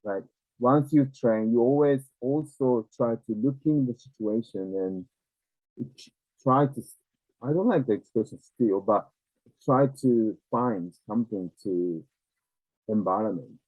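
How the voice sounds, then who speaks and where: A man with a Japanese accent talks reflectively at a very slow pace. He is a non-native speaker who pauses to search for words as he explains things conversationally. The sound is narrow and tinny, like a call. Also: medium pitch. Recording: tinny, narrow phone-like, echoey room.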